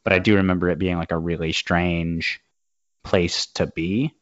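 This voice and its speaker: A man co-hosting a podcast in casual chat, thoughtful and halting, often repeating words as he goes. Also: low-pitched, fairly even intonation, highs cut off. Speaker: podcast co-host.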